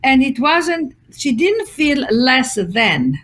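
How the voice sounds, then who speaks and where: A Greek woman with a fairly high voice appears as a guest author on a conversational podcast interview. She's an expressive storyteller who speaks slowly, acts out quotes, and uses lots of fillers.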